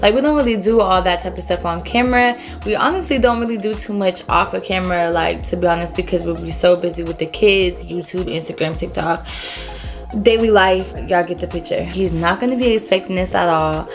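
A woman's voice: lowish voice, fairly quick, faint music behind. A young adult woman hosting a casual vlog, talking in a playful, teasing way to her audience and her partner. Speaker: vlog host.

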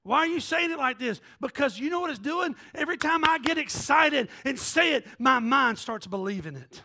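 Man, pastor, fiery sermon, high voice, lively swooping pitch, church. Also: moderate pace. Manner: fiery, shouting, whooping with the congregation. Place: church sanctuary.

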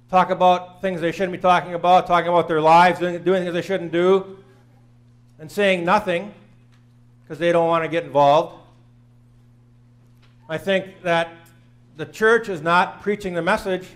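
Earnest high-voiced man preaching. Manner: earnest, plain-spoken, repeating phrases for emphasis. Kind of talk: sermon. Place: small church sanctuary, in front of the altar.

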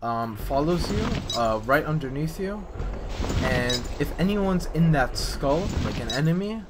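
This man is a game map's developer narrating a dev vlog, offering casual, hesitant gameplay commentary that rambles and pokes fun at himself. His voice is fairly high, with lively intonation and a measured pace. The recording is very noisy.

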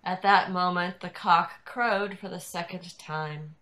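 An older woman reading scripture narration in a measured, deliberate way over a video call. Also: fairly low pitch, fairly even intonation, sharp tone. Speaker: narrator in a church dramatic reading. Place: indoors at home on a video call. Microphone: video call computer microphone.

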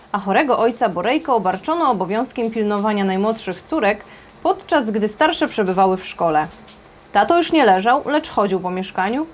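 A woman narrating a children's novel aloud in a lively, expressive storytelling manner. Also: mid-range voice, a little hiss or hum.

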